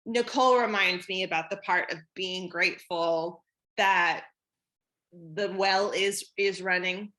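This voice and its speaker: A woman with a bright, forceful voice, chatting easily as a co-host. She laughs often and jumps up high when she acts out what someone said. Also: fairly even intonation, measured pace. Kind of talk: casual chat.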